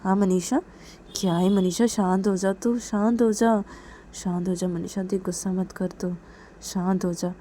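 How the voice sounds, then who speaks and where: A woman doing a steady reassuring woman friend. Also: medium pitch, a little slow, slight background noise, natural voice. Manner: gentle, repetitive pleading.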